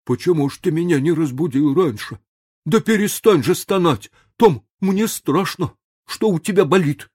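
A raised, anxious boy's voice, done by a reader, urgent and worried, his pitch climbing as he begs for an answer. The delivery has lively, jumpy swings, like a storybook scene read with feeling. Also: slow, pauses often, slightly rough, full character voice. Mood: alarmed. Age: child. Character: frightened younger brother, anxious boy.

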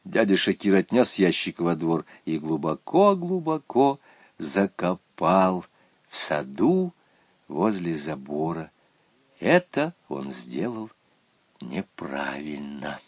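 A man reading a children's story aloud in an animated, expressive way. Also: deep voice, slow pace, breathy edge, no room sound.

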